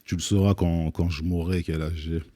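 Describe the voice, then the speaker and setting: A man in his thirties with a very low, dark voice, talking loosely with many pauses and "euh" fillers. He answers a live stream's questions in a relaxed, joking way. The sound is dry and close, with no room echo. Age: 30s. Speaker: rapper guest on a live music stream. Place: studio set.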